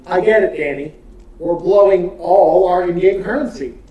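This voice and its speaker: A talkative man with a high voice jokes around and explains game mechanics during a let's-play. He sits back from the mic in an echoey room, with a faint hiss under him. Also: moderate pace, distant mic, muffled recording. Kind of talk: casual gaming commentary.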